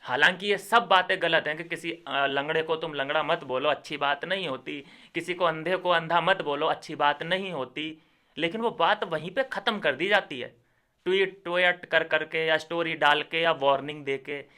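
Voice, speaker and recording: A man's voice: a little high, normal speed, sharp tone. A young man making a ranting commentary video, indignant and lecturing, with heavy sarcasm. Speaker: YouTuber.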